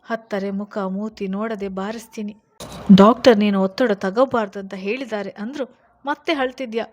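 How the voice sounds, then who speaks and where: A woman's voice: on the high side, fairly even intonation, moderate pace, close to an everyday voice. A woman voicing a protective young husband who questions his sick wife firmly and scolds her. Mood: scolding.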